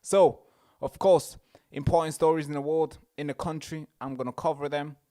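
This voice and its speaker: High-voiced young man hosting a stream. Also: steady tone, moderate pace, dark tone. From Tanzania. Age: young adult. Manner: addresses viewers directly, repeats phrases. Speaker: show host. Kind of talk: casual livestream commentary. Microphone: wearing headphones.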